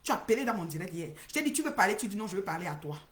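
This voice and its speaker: A woman with a West African French accent hosting a heated livestream, repeating names and calling people out, swinging between loud outbursts and low muttering. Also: very animated, racing, roomy sound. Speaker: livestream host. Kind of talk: heated social media livestream rant.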